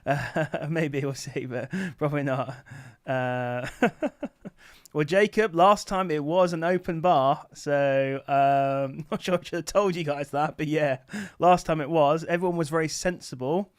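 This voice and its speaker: A man's voice: on the high side, steady tone, measured pace, clear, resonant tone, no echo, clean studio sound. A man hosting a casual livestream, chatting informally and rambling as he answers viewers. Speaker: livestream host answering questions about online selling. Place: office.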